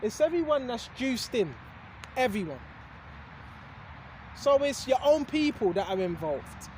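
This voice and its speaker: A very animated man with a very high, darkish voice speaks unhurriedly in a casual preaching monologue for his video audience, amid slight background noise. He wanders with rhetorical questions and repeated "right?", hiccuping at times.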